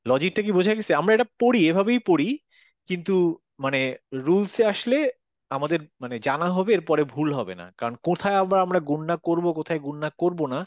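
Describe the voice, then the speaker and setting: A man's voice: a little high, expressive, fairly quick, dry recording, highs cut off. A man teaching a Quran recitation class online, patiently repeating examples and checking that students follow. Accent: Bangladeshi Bengali.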